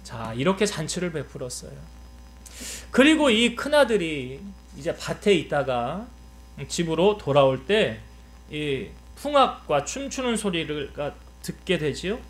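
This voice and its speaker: A man preaching a sermon in a fairly high voice for a man. He keeps throwing rhetorical questions at his congregation. He drives his points home with emphatic rises in pitch. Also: big pitch swings, measured pace. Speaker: pastor.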